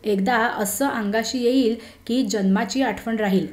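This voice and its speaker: A woman voicing a young man, an old college friend who speaks earnestly and gravely, in a story reading. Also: on the high side, a little slow, lightly acted. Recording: roomy echo.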